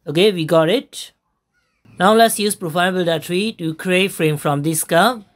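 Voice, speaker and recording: This software tutorial voice-over comes from a fairly low-pitched woman guiding viewers through a screen recording. She moves step by step at a slow pace, pausing often and saying "uh" a lot.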